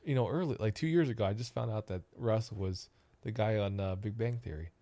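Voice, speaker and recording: Man, podcast co-host, casual rambling chat, lowish voice, dry close sound. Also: a little fast, mellow, no echo. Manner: rambling, joking, repeats words.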